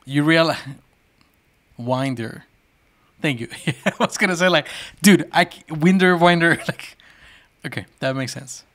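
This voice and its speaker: A man chatting casually to viewers on a live coding stream, excitable and quick to swear. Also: a little high. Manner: excitable, swearing, shouts when thrilled. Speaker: livestreaming programmer.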